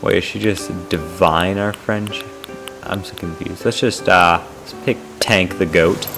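Low-voiced man rambling over game music. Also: fairly even intonation, measured pace. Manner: rambling, full of ums, talks to viewers. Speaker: gameplay vlogger. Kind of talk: casual game commentary. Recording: loud game music behind.

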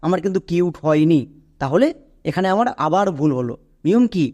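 A man's voice: a little high, expressive, brisk, mellow, muffled recording. A man teaching English spelling and pronunciation. He goes step by step, repeats each point patiently and keeps asking the viewer questions.

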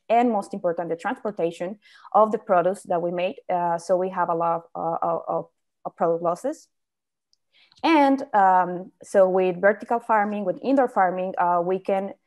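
A young woman, giving a slide presentation over a video call, pausing often on fillers and restarting her sentences. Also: lowish voice, darkish tone. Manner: hesitant, many fillers and restarts. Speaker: invited speaker on indoor farming.

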